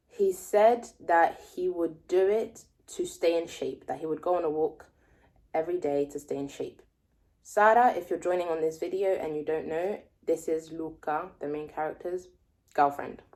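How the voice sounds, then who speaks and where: Her voice low and darkish in tone, a native French speaker in her twenties vlogs as a language learner. She reads a text aloud slowly, explains it, thinks aloud and guesses at the words she doesn't recognize.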